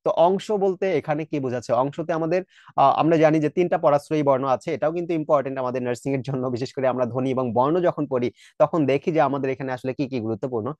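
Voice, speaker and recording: A man's voice: mid-range voice, racing, darkish tone, no room sound. A man with a Bangladeshi Bengali accent teaching an exam prep lesson, explaining step by step, asking rhetorical checks, sounding out word pronunciations, and mixing English words into his speech.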